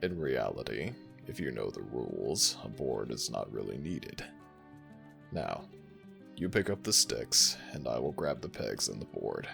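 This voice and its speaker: In this ASMR roleplay, a man heavily acts as Anubis, the ancient jackal god, his very deep gravelly voice slow, soothing and a bit bright, with big pitch swings. He's gentle and fond, teasing affectionately and mocking himself playfully in a warm, playful mood, with faint music behind him.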